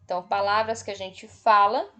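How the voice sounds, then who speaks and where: A Brazilian woman teacher giving a slow, patient online spelling lesson for children, repeating each word and checking in with the class as she marks them on screen. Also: medium pitch, fairly even intonation, pushed and bright, dull audio, slight background noise. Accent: Brazilian Portuguese.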